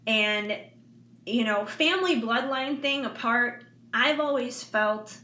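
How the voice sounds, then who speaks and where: Speaking slowly in a bright, rather high voice, a woman in her forties who works as an intuitive reader and vlogger opens up to her audience. Her heartfelt, casual talk wanders candidly, dotted with frequent fillers and gentle laughs. The recording sounds roomy and echoey, with faint noise in the background.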